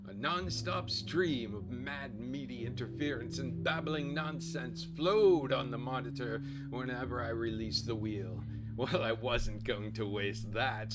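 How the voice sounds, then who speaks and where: A man giving an overly dramatic scripted reading in the manner of a hammy stage actor. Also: mid-range voice. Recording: music playing behind the voice. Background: loud music.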